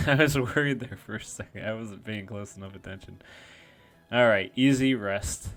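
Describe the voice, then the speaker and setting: Man, lowish voice, casual match commentator, self-mocking asides, faint music underneath. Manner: self-deprecating, thinks aloud, frequent restarts. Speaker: game commentator.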